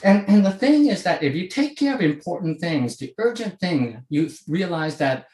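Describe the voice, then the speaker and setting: Over a video call, a man from Hong Kong in his sixties talks conversationally to a virtual audience, frequently checking in with "okay?". His voice is high-pitched and sing-song, a little mellow, at a moderate pace, with a reverberant sound.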